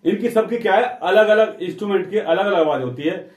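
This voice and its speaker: A man's voice: sits high, fairly quick, roomy sound. A man teaching a physics lesson, who often asks a question and then answers it himself.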